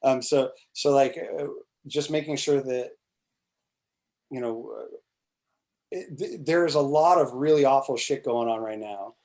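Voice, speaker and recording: With a medium-pitched, darkish voice, a man in his forties talks at a measured pace and pauses often. He is a congressional candidate guest on a webcam video call in a small indoor room with a plain wall, chatting casually and rambling with frequent restarts, fillers and casual swearing.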